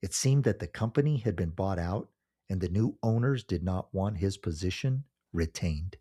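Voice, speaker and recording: A man narrating a scripted horror story in a measured, solemn storytelling manner. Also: on the low side, mellow, husky.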